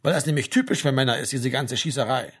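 A man's voice: medium pitch, quick pace, slightly rough, close to an everyday voice. A man doing an earnest, lecturing young woman. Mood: insistent, lecturing.

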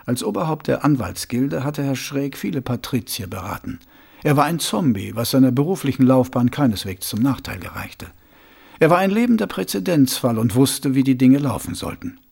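Gravelly, husky male audiobook narrator. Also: medium pitch, expressive, moderate pace, darkish tone.

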